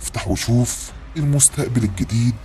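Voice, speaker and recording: A man's voice: mid-range voice, background noise, voice pushed down, close to an everyday voice. A man voicing a sinister disembodied male spirit that whispers cruel commands into the listener's ear. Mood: menacing. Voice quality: dark, husky, whispered into the ear. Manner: slow, menacing, commanding.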